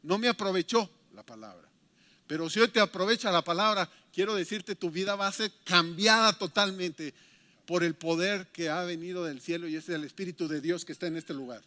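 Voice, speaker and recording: A Mexican pastor delivering an emphatic, animated sermon in a fairly high voice. His words carry with a long reverberant tail through a church hall. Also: fairly quick.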